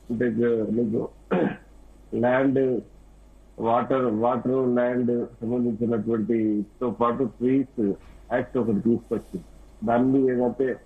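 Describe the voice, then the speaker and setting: A man speaking as a political analyst in a live news debate, in halting, rambling speech full of fillers and restarts. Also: mid-range voice, slightly rough. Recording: tinny phone-line audio.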